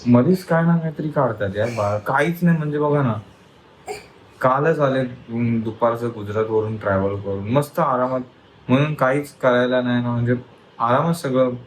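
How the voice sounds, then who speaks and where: A man speaking in a casual home vlog, a father gently coaxing and soothing his young daughter indoors. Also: medium pitch, moderate pace, slight background noise, low-quality recording. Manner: coaxing and soothing toward a child. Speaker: father and family vlogger.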